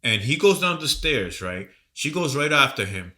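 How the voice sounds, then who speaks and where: A man's voice: mid-range voice, very animated, normal speed, pushed and bright. A man with a cold, co-hosting a podcast and telling a rambling, profane story in casual chat. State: sick with a cold. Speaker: podcast co-host.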